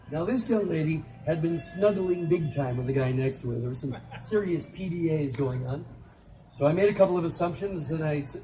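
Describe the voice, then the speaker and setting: A middle-aged man doing live comedic storytelling on an outdoor festival stage, with animated, teasing banter aimed at the audience. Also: a little high. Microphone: handheld phone in the audience. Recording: distant phone recording with crowd. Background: audience laughter.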